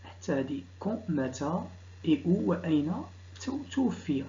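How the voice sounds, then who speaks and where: A man with a Moroccan Arabic accent, a teacher going through exam questions. He reads each question out slowly, then explains it in quick dialect. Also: fairly high pitch, lively intonation, warm tone, muffled recording. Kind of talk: exam correction lesson.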